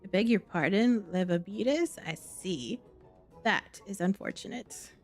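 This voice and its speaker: A woman voicing a calm, formal young woman leader, reading game dialogue in a measured way. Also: mid-range voice, faint music behind, close to an everyday voice.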